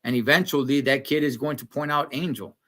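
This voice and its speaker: A man, casually recapping a TV episode and chatting with viewers in slangy, animated talk. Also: mid-range voice, brisk. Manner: slangy, animated, talks to chat. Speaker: show recap host.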